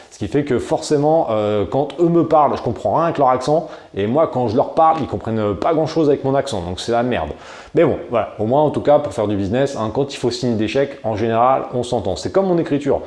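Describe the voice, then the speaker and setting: A man from France gives casual e-commerce advice to camera, chatty and full of slang. His voice is mellow and dark. The room around him leaves a noticeable echo. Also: medium pitch. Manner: chatty and slangy, addresses the viewer familiarly. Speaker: e-commerce video host. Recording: roomy echo.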